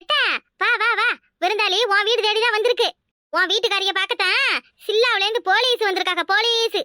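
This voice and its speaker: A scheming young daughter-in-law in a cartoon, voiced by a woman, sly and eager to stir trouble. She speaks fast in a very high, bright voice with a Kanyakumari Tamil accent. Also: steady tone. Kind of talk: cartoon voice acting.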